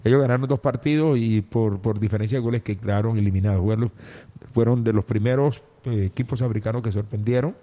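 A man's voice: lowish voice, fast, mellow. A man co-hosting a casual football chat who asks questions and restarts his sentences often. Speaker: sports radio co-host.

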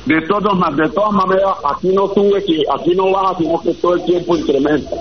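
A man's voice: high voice, steady tone, brisk, breathy edge. A man calling in to a radio show, talking earnestly and at length about local complaints over a muffled line. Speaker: radio caller. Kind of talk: phone-in chat. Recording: muffled line with faint noise.

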